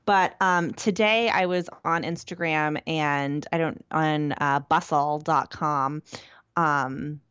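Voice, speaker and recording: A woman hosting a podcast in casual, upbeat chat, often pausing on fillers. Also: low voice, fairly bright tone, clear, resonant tone, no echo. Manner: upbeat, chatty, with frequent fillers. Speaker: podcast host. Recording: dull lo-fi sound.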